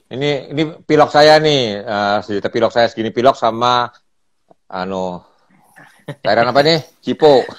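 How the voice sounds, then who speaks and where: An older man from Indonesia chatting casually, telling lively stories and often laughing. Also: medium pitch, normal speed, no room sound, lo-fi sound. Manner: animated storyteller, laughs often, acts out quoted voices. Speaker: photographer and guest. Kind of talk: casual storytelling chat.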